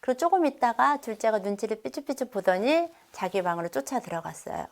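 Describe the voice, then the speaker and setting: A woman's voice: a little high, sing-song, fast talker, creaky. A middle-aged woman giving a family seminar lecture on raising children. She weaves in stories from her own home and acts out the lines she and her children said. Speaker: parenting seminar speaker.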